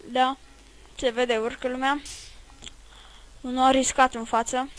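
A woman's voice: sits high, little pitch movement, rough recording. A woman giving rambling, chatty commentary while playing a video game, swearing at it now and then. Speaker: let's play gamer. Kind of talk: casual gameplay commentary.

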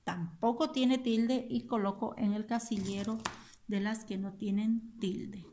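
A woman teacher, giving a recorded lesson to children and slowly repeating and spelling out each word. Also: medium pitch, steady tone, dark tone, slight background noise. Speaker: school teacher.

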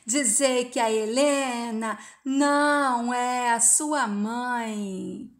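A stern mature woman in a storybook-style retelling, lecturing hard and giving no ground, as a woman narrator puts her on. Her voice sits a little high, and she keeps a harsh, moralizing edge. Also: extremely slow.

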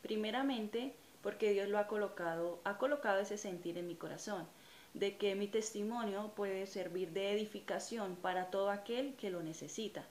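A woman's voice: medium pitch, moderate pace, a little mellow. Earnest Colombian woman in an echoey room. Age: 30s. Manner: earnest, reflective, hesitant with frequent "eh" fillers. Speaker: channel host giving personal testimony. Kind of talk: personal religious testimony to camera. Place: small indoor room in front of a curtain. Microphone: camera or phone at close range. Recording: echoey room with faint ambient noise.

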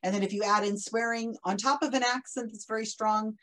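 A woman interviewing a podcast host in a casual chat, relaxed and laughing often as she reads out viewer comments. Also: a little high, brisk, rough recording.

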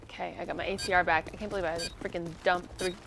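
A woman's voice: on the low side, fairly even intonation, fast talker, creaky, a bit bright. A young woman doing casual, sweary live commentary as she plays a co-op shooter on a headset. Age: young adult. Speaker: game streamer. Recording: game gunfire noise behind voice.

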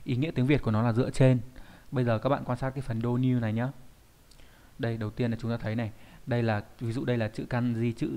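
A man's voice: mid-range voice, darkish tone. Male Japanese teacher, patient and explanatory. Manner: explains patiently, often checks with "đúng không?"; thinks aloud with "ờ" fillers. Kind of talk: online grammar lesson.

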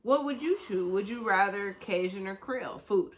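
A woman in her thirties co-hosting a casual podcast from a living room couch, chiming in with quick, supportive agreement. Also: medium pitch, animated. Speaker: podcast co-host.

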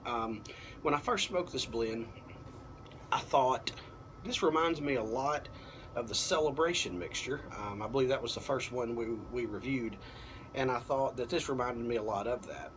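A man in his thirties talks through a casual review at a mid-range pitch. He is unhurried and halting, working out his thoughts as he speaks. Faint outdoor ambient noise sits behind him, picked up by a computer mic on a balcony. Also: fairly bright tone. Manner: halting, unhurried, thinking aloud. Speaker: pipe tobacco reviewer. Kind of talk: casual product review to camera. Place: apartment balcony at night. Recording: clearly noisy, outdoor ambience.

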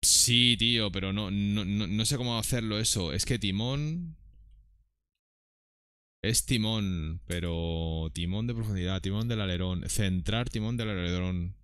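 Man, live gameplay commentary, exasperated muttering, low voice, dry sound. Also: measured pace, smooth, no room sound. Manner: exasperated muttering to himself, reading menus aloud. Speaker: streamer.

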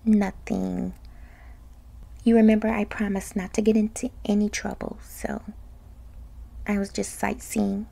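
A woman voicing a mischievous young female lamia in a whispered role-play, slow and teasing, with a breathy, gravelly voice. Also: medium pitch, level tone, dark tone. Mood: evasive. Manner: slow, teasing, answers evasively.

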